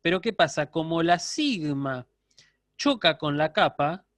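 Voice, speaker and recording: High-voiced lecturer explaining patiently. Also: male voice, lively intonation, a little slow, fairly bright tone, no echo. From Argentina. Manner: explanatory, keeps checking with students. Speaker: university lecturer. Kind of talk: online lecture.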